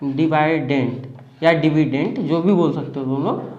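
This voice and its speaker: A man's voice: on the high side, fairly quick, a little mellow, muffled recording, slight background noise. A man teaching a classroom lesson, often stopping to ask the students whether they follow. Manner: questioning, checks understanding often. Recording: echoey classroom.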